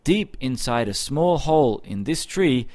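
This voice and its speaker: A man's voice: mid-range voice, expressive, measured pace, darkish tone, lightly acted. A man voicing a clever young village girl from a folk tale, matter-of-fact and firm.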